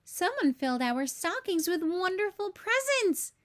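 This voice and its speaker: Woman reading as high, jolly old Santa Claus. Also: big pitch swings, unhurried, no room sound, clean studio sound, full character voice. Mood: pleased.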